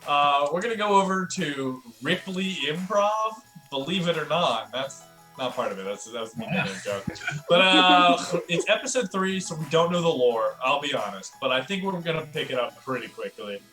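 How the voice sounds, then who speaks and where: Bright-voiced man hosting an echoey comedy stream. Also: a little high, expressive, moderate pace, faint music behind. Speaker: improv comedy livestream host. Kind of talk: casual chat, joking.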